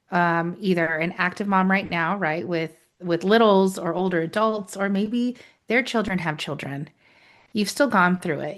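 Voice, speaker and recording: A woman co-hosting a podcast, chatting in an upbeat, friendly way and speaking straight to her listeners. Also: lowish voice. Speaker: podcast co-host. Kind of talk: casual podcast chat.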